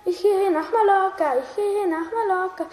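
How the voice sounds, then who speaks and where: A woman voicing an excitable young male basketball player, shouting with joy. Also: extremely high pitch, normal speed, voice pushed up. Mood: excited shouting. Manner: shouting, overjoyed. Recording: echoey hall with faint noise.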